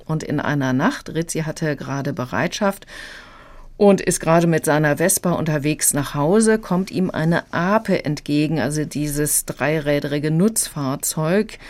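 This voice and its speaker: A woman with a notably low voice explains a crime novel as a critic on the radio. She summarizes fluently and steadily. Her tone is informative and conversational. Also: measured pace, a little mellow. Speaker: literary critic. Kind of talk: radio book review interview.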